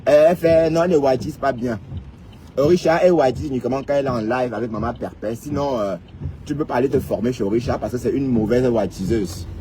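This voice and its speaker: A man's voice: mid-range voice, fast, mellow. Teasing man streaming over engine noise. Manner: teasing, sing-song, addressing viewers directly with many "hein?". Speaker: live streamer commenting on online personalities. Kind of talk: casual mocking live-stream monologue.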